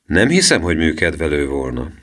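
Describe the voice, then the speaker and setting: A man's voice: extremely low pitch, wildly swooping pitch, fairly bright tone, full character voice. A man voicing a kindly, good-humoured middle-aged police inspector in a storybook reading. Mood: jovial.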